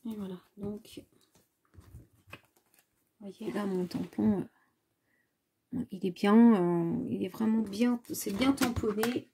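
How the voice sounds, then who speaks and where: A woman's voice: mid-range voice, fairly even intonation, slow pace, long pauses, noisy background. A woman hosting a casual craft tutorial, thinking aloud while she works, hesitant with many filler sounds and restarts. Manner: talks to viewers while working with her hands.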